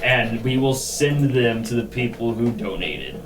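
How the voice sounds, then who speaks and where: A man's voice: mid-range voice, lively intonation, a little slow, poor audio. A man hosting and playing on a tabletop game show, chatting casually and reading out plugs. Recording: off-mic, group chatter behind.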